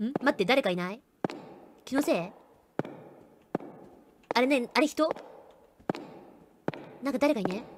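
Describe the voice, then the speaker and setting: A woman's voice: high-pitched, animated, a little slow, long pauses, noisy background. A woman streaming a horror game, chatting nervously and joking about herself as she plays. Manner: jittery, chatty, self-mocking. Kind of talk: live game commentary.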